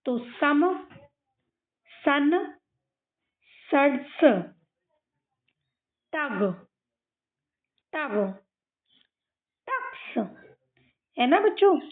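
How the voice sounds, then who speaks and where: Over a tinny, phone-like recording, a high-voiced, expressive woman leads kids through a phonics lesson. She patiently sounds out every word at a slow pace and keeps asking whether they're keeping up.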